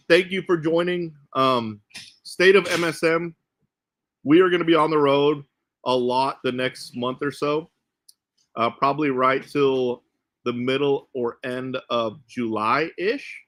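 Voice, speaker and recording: A man with a somewhat high, slightly bright voice hosts an RC car channel livestream from a cluttered warehouse. He talks to viewers loosely and keeps restating what he says.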